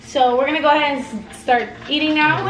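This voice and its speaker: Higher-voiced young woman chatting over food. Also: fairly even intonation, fast talker, fairly bright tone. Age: 20s. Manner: rambling, many fillers, searching for words. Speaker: co-host, mother. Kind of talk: casual chat while eating. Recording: roomy with background music.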